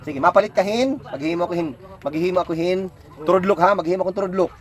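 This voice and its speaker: A man's voice: high voice, racing. A man tutoring a child at home, patiently coaxing answers with lots of questions. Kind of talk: home lesson, quizzing a child.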